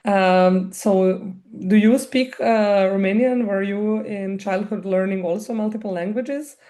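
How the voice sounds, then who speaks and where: A woman with a mid-range, dark-toned voice speaks a little slowly as a podcast host. In a casual interview conversation, she asks questions and frequently affirms her guest to encourage them.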